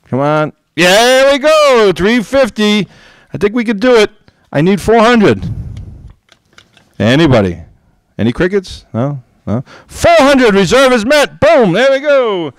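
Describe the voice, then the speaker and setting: A man with a high, smooth and resonant voice runs a live auction at a convention. He calls out bids rapidly, coaxing the room to raise the price. The sound is dry and close. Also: sing-song, no echo. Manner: upbeat, coaxing, rapid-fire bid calls. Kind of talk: live auction bid calling. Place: gaming convention event.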